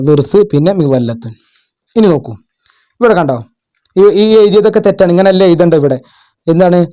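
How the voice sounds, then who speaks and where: A man tutoring children and parents, going through exam questions in a patient way, asking questions and repeating words slowly. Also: a little high, dark tone. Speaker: madrasa tutor. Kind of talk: explaining exam answers.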